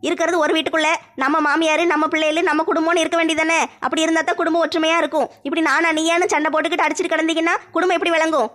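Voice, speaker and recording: A woman playing a firm older mother-in-law keeping peace in a family comedy skit, brisk and scolding. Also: extremely high pitch, level tone, a bit bright.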